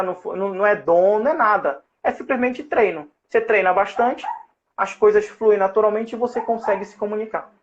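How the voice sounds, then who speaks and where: A man's voice: high voice, dull audio. A Brazilian man hosting a live interview, explaining in a didactic way with many fillers and restarts. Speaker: host and safety-at-work English teacher. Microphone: online live call.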